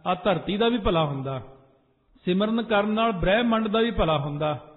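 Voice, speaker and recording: High-voiced Sikh preacher in an echoey hall. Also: male voice, lively intonation, moderate pace. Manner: preaching in a sing-song cadence, rising to urgent emphasis. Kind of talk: sermon with sung phrases. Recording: echoey hall over a tinny phone-like line.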